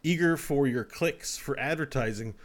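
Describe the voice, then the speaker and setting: Podcast co-host, man, rambling and animated, calling in remotely, laughs a lot. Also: mid-range voice, normal speed. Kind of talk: casual podcast chat. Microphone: remote call.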